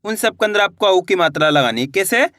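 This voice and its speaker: A teacher giving a slow reading lesson, spelling words out syllable by syllable and then blending them, reassuring viewers as friends. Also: medium pitch, lively intonation, fairly bright tone, dry recording, studio quality.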